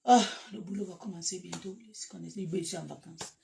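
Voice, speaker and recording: Woman, Cameroonian French accent, gravelly voice, casual chat to followers, loud animated bursts. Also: fairly low pitch, brisk, background noise. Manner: animated, laughs loudly, shifts to loud bursts. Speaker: social media live host.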